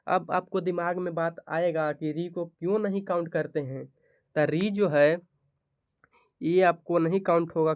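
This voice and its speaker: A man's voice: a little high, a little mellow, clear, resonant tone, dry recording, studio quality. A male teacher gives a grammar lesson to board exam students, asking each question aloud and answering it himself.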